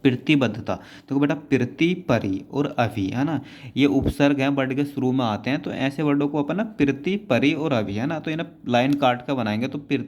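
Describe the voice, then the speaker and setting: A man's voice: mid-range voice, normal speed, hardly any pauses, darkish tone, muffled recording. A man teaching shorthand, patiently explaining each word and checking in with his students as he goes. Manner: patient, keeps adding "है ना" and calling students "बेटा".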